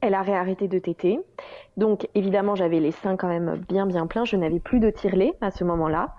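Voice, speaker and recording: A woman's voice: mid-range voice, brisk. A woman in her thirties, a guest in an interview, talking candidly with many hesitations and wry self-mocking humor. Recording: slightly dull dry recording.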